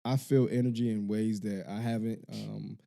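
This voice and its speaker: A man co-hosting a casual podcast, talking earnestly and haltingly, with lots of fillers and restarts. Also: lowish voice, little pitch movement, gravelly, dark tone. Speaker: podcast co-host.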